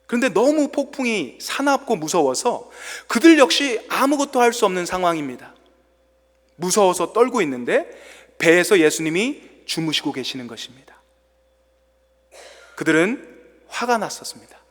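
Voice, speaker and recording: A man's voice: high voice, big pitch swings, normal speed, fairly bright tone. A male pastor preaching a sermon in a dramatic, storytelling way, acting out quoted lines in a church sanctuary. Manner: dramatic storytelling, quoting with acted voices. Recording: long church-hall reverb.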